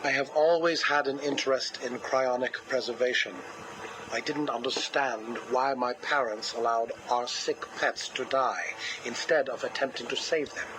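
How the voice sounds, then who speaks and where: An actor playing a cold, grieving, obsessive male scientist who talks slowly and mournfully, heard as a cassette tape recording. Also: mid-range voice, steady tone, poor audio. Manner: slow, controlled, mournful delivery. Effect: played back from a cassette tape recording. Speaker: interview subject. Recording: hissy cassette tape playback.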